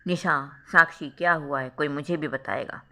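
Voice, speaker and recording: A storyteller voicing a worried young husband who keeps pressing his wife for answers, in a bright voice. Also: mid-range voice, fairly even intonation, normal speed. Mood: upset. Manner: insistent, pressing questions.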